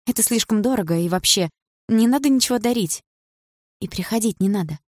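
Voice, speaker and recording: A woman voicing a gentle, frightened young woman student who speaks softly and pleads. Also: mid-range voice, expressive, brisk, no room sound, studio quality, voice pushed up, natural voice. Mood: pleading. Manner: soft, pleading.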